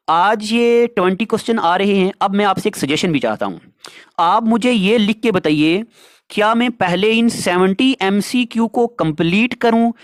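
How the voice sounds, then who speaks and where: A teacher with a high, light male voice runs an exam prep lecture in a chatty style, calling his students dear children. He poses questions to the class and then answers them himself. The recording is dry and close, with no sense of a room.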